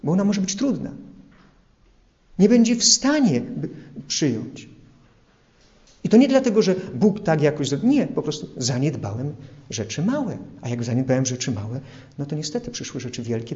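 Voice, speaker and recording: A man's voice: a little high, sing-song, normal speed, warm tone, dull audio. A man preaching an earnest sermon, illustrating his points with everyday examples. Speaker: priest.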